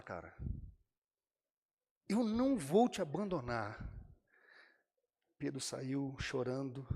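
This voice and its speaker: A man's voice: medium pitch, long reverb tail. A man with a Brazilian Portuguese accent preaching a sermon to his congregation, acting out the characters' lines as he tells the story. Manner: addresses the congregation directly. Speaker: pastor. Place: church.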